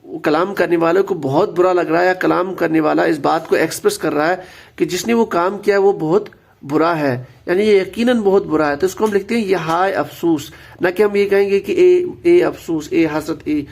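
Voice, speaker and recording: High gravelly male grammar teacher. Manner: patient, repeats key words, mixes in English terms. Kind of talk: explanatory lesson.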